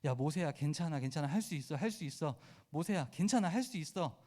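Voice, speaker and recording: A man's voice: on the high side, expressive, fast talker, natural voice. A man voicing God as a patient but stern male deity, coaxing and then scolding in a sermon retelling. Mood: reassuring. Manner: coaxing, then shouting in exasperation.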